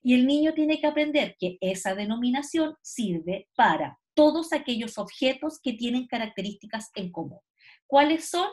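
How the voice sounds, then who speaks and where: Woman, teacher, online lecture, fairly high voice. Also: expressive, normal speed, darkish tone. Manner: explanatory, often checks in with "¿cierto?" and "¿ya?". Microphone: computer mic on a video call.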